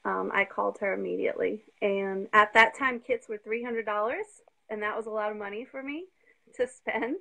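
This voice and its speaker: A woman's voice: mid-range voice, vocal fry. A woman in her fifties, a guest on a live video interview, telling her story eagerly and sounding slightly out of breath on a phone call. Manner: eager, talks fast when excited.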